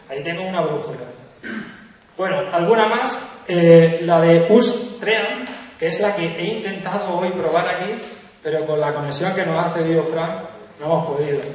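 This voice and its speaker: Young man, chatty conference speaker, fairly high voice, echoey hall, heard from far off. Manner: chatty, jokey, asks "¿vale?" often. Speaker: guest speaker. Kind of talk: conference talk. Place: large lecture hall with stage. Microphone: handheld mic, recorded from far camera.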